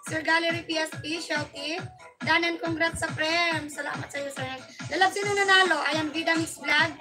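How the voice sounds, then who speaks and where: A woman's voice: extremely high pitch, steady tone, moderate pace, music in the background. A woman hosting a casual livestream, chatty and playful as she reads out viewer comments and teases in a sing-song way. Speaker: livestream host.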